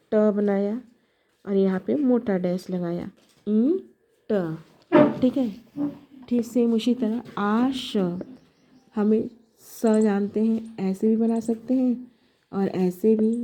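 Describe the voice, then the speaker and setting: A woman's voice: medium pitch, mellow. A woman teaching a shorthand lesson, explaining step by step in a patient, repetitive way. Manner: slow, patient, repeats each letter aloud. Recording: dull lo-fi sound with faint noise.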